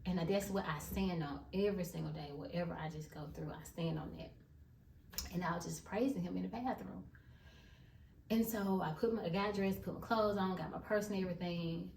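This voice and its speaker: A woman tells her story straight to her viewers, emphatic and calling them y'all. Her voice sits a bit low. She is heard from a distance in a roomy, echoing space with faint ambient noise. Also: fairly quick, creaky, a little mellow. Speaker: vlogger. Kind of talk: casual testimony vlog. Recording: echoey room, voice from far off.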